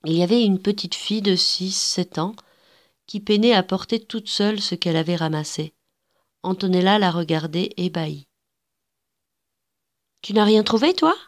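A woman reading a story aloud with a measured, gentle narration. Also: lowish voice, steady tone.

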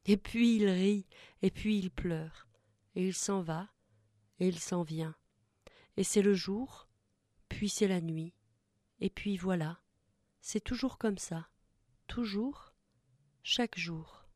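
A woman reciting a poem in a soft, measured way. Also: mid-range voice, no room sound, clean studio sound. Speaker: reader. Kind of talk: poetry reading.

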